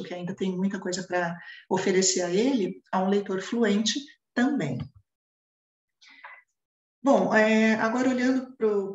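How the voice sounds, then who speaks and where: A woman from Brazil explaining reading assessment results in a training presentation, pausing often with fillers and tag questions. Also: medium pitch, reverberant. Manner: many fillers and restarts, repeated "né?". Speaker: education trainer.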